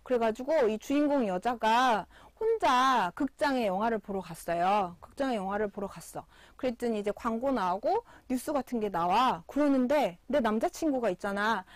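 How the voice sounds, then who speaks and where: A woman's voice: on the high side, no echo. A woman teaching an online middle school English class, telling stories with energy and talking to the students as kids. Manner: animated storytelling, addresses students as kids; sings example sentences slowly. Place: school broadcast studio.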